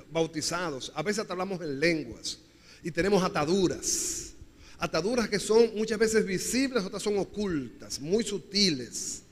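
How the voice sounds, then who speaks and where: A man preaching with a high-pitched voice, stressing his points through repetition and calling out for the congregation to answer. His sermon rings through a church hall with a long echo. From Dominican Republic. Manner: preaching with call-and-response to the congregation; repetitive, emphatic phrasing with shifting pace. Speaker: pastor.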